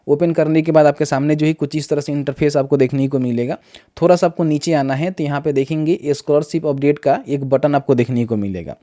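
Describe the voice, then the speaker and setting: Man, young adult, channel host, screen-share tutorial, raised pitch, warm dark tone, dry close sound, step-by-step explaining. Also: no room sound. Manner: explains step by step, often says "dekhiye" and "thik hai".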